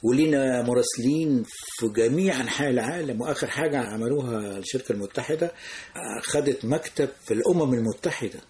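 An older Egyptian man in his sixties talks quickly through memories of his broadcasting career. His voice sits at an ordinary middle pitch. He tells his anecdotes in an easy, reminiscing way as a radio guest. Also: a crowd in the background. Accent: Egyptian Arabic. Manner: brisk, reminiscing storyteller. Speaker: guest, veteran news broadcaster. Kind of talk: radio interview.

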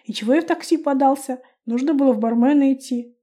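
A woman voicing a gruff, sulky young man who turns into a tiger, snapping and grumbling in a storybook reading. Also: very high-pitched, fast talker, warm tone. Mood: muttering. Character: young male tiger shifter, grumpy joker.

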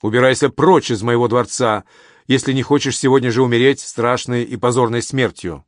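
A man's voice: mid-range voice, steady tone, normal speed, dry recording, studio quality, lightly acted. A man voicing an irritable ancient king who speaks in curt, clipped, contemptuous phrases. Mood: harsh. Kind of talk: audiobook character reading.

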